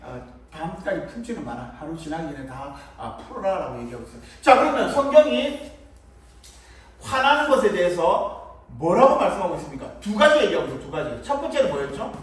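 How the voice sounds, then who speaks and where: A man's voice: high voice, very animated, a little fast. A man giving a children's sermon at a church, playful and acting out little scenes, picked up from a distance in a church hall. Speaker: children's preacher. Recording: echoey room, mic far off.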